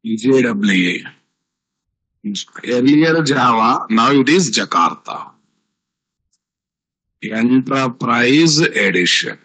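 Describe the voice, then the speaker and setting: A man's voice: mid-range voice, lively intonation, extremely slow, long pauses, bright, forceful tone, low-quality recording. A man with a South Indian Telugu accent teaching a live online programming class, repeating key phrases and asking rhetorical questions. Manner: repetitive teaching with rhetorical questions and tag words. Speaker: software instructor.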